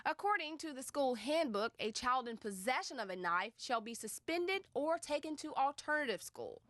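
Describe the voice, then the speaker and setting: A woman reporting a local news story in measured narration. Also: high-pitched, animated, fairly bright tone.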